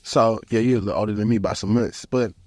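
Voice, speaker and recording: A man's voice: fairly low pitch, fast talker, no room sound, clean studio sound. A man, hosting a casual podcast and telling stories in slang, leaning on "bro". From Houston, Texas. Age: 30s. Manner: animated storytelling, slangy, repeats "bro". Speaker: podcast host.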